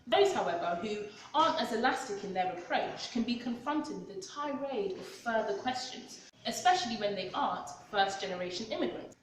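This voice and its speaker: A London woman in her twenties, an author and vlogger with a London accent, reads her own personal essay aloud expressively, acting out the dialogue. Her fairly high voice moves a little fast with hardly any pauses, and the distant mic in a large, very echoey cultural hall adds slight background noise.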